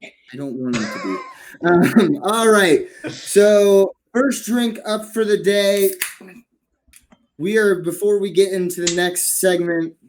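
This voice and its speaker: Playful young podcast host, higher voice. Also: male voice, takes it slowly. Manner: playful, teasing, laughs often. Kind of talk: casual comedic chat.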